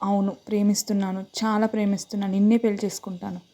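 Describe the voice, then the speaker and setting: A woman's voice: mid-range voice, level tone, very fast, mellow, close to an everyday voice. A woman doing a tearful, pleading daughter.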